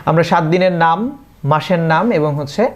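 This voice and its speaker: A man's voice: fairly high pitch, normal speed. A man from Bangladesh, teaching English pronunciation and repeating each word several times for his learners. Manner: addresses viewers as dear learners. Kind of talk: recorded pronunciation lecture.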